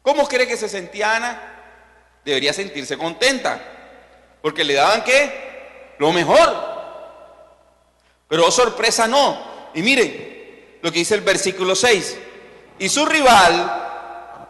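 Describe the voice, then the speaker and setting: A Colombian man pastor preaching a sermon in a church, animated and full of rhetorical questions to the congregation. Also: high voice, unhurried, pauses often. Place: church hall. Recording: echoey church hall with long reverb.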